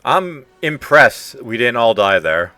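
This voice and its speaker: A man's voice: mid-range voice, very animated, takes it slowly, sharp tone, dry recording, faint music behind. Wry man commenting on his gameplay. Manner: wry, self-mocking. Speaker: streamer.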